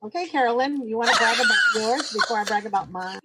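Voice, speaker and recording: A woman of sixty-nine, a guest chatting warmly about her marriage, quick to laugh and joke about herself. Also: on the high side, expressive, very noisy. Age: 60s. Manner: chatty, laughing, self-joking. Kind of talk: casual interview chat.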